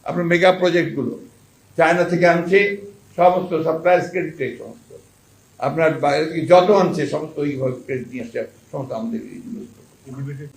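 A man's voice: brisk, gravelly. Bangladeshi Bengali man, political orator at a rally, emphatic and rising, heavy room echo. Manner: rising to loud emphatic peaks, then dropping low. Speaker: political speaker addressing a rally. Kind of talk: impassioned political speech.

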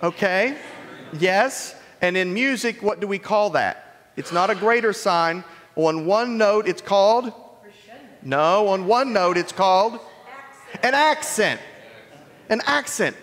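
With a high, slightly bright voice and a slow pace, a man gives a playful children's message in a church sanctuary, putting many questions to the kids. The recording has an echoey church-hall reverb.

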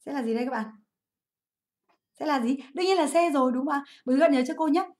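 A woman's voice: sits high, darkish tone. A woman English teacher from Vietnam, giving a livestream exam review, asking her students questions and answering them herself. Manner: drills English words by repeating them slowly.

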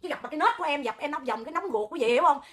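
This woman with a Southern Vietnamese accent speaks high and fast, with a loud, piercing voice that cuts through. She hosts a livestream in a hot-tempered, animated way, rambling into jokes. Her tone is sharp and bright. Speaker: livestream host, charity oxygen volunteer. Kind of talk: livestream talk to viewers.

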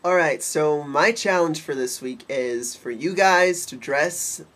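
Sitting in his bedroom, a young vlogger speaks to the webcam at his desk in a slightly high, fairly bright voice with a nasal, stuffed-up quality. His casual vlog is campy and cheeky, full of quick asides.

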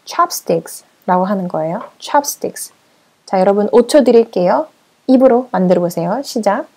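Slow-drilling woman English teacher, mellow voice. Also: medium pitch, animated. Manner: gives prompts and countdowns, repeats English sentences slowly. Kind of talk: language lesson with drills.

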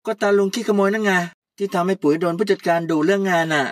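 A haughty young woman who bosses everyone around, as a woman puts her on. She talks loudly and high with a scolding bite. The one-voice audio drama is recorded close and dry. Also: quick pace, dry recording, close to an everyday voice. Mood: pushy. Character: arrogant young woman, a newly promoted boss.

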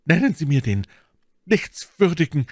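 An eager young swordsman declaring his devotion, ardent and a touch raised in pitch, as a male reader plays him. His delivery is lively and declamatory. Dry, close sound. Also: a little slow, no echo. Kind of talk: audiobook character voice.

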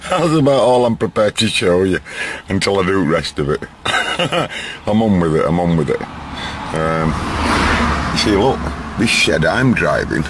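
Bloke rambling to his camcorder outside, low voice, old noisy camcorder sound. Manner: chatty, laughs between remarks. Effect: old camcorder audio. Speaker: home video maker. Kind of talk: rambling casual chat to camera. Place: outdoors in a garden on a sunny day. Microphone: built-in camcorder mic.

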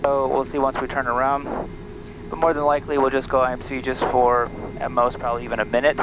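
A bush pilot in his thirties narrates a cockpit vlog and makes radio calls over a headset in a small plane, calmly and methodically reading each checklist item aloud in order. His mid-range voice comes through a little muffled, and he talks fast. Loud, steady engine noise runs under every word.

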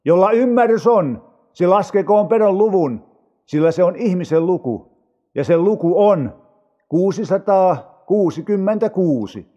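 A man reads scripture aloud in a solemn, measured manner. His voice sits high for a man but sounds mellow. The recording is somewhat dull and carries a long reverb. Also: lively intonation. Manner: measured, unhurried reading. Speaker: audio Bible reader.

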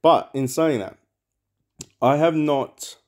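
A man's voice: on the high side, takes it slowly. A man giving rambling, casual commentary over a mobile game, thinking aloud with lots of fillers. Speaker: mobile game channel host.

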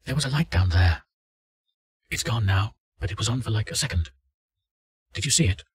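A man's voice: lowish voice, lively intonation, normal speed, husky, pitched above the performer's own voice. A man voicing a terrified young woman test subject who pleads and panics. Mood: uneasy, scared.

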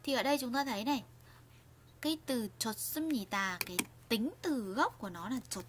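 Explaining grammar in a lesson, a female Korean teacher talks fast in a slightly high, animated voice. She keeps repeating and restarting herself and asks viewers questions, over a little background noise.

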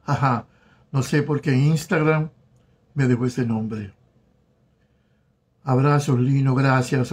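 Broadcasting from home in South Florida, a Venezuelan former telenovela actor in his 40s hosts a casual live-stream chat. His husky, mid-pitched voice sounds affectionate and flirtatious as he reads comments and haltingly calls out viewers' names.

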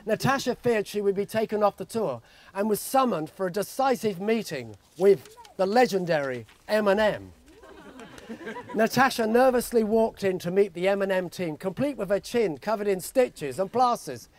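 A man's voice: high voice, expressive, moderate pace, a little mellow, no room sound. A man in his sixties giving a jokey father of the bride speech, reading from notes into a handheld microphone. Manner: jokey storytelling. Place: outdoor garden wedding reception. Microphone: handheld microphone held close.

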